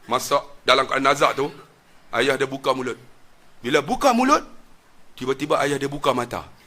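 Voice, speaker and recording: A middle-aged man with a Malaysian Malay accent, preaching a sermon through storytelling, swinging between loud outbursts and hushed passages. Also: medium pitch, lively intonation, moderate pace.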